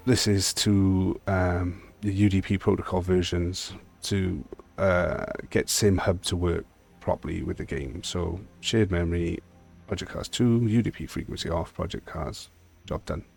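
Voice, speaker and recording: A Welsh man with a deep, gravelly voice talks through his game settings in a loose, offhand way. He is blunt and rambles from point to point, with faint music playing behind him. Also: fairly even intonation, unhurried, a little mellow. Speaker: sim racing video host. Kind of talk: casual game settings walkthrough.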